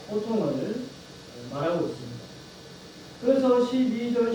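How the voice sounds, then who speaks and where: A man's voice: high voice, warm tone. A man preaching a sermon to his congregation, asking them rhetorical questions and repeating key phrases for emphasis. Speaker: pastor. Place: church sanctuary. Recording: very echoey hall, mic at a distance, faint background noise.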